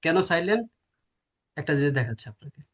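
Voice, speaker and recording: Male teacher, a bit high-pitched, quizzes the class and answers himself. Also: big pitch swings, fast, lo-fi sound. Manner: explains step by step, asks and answers his own questions. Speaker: language teacher. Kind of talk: classroom lecture.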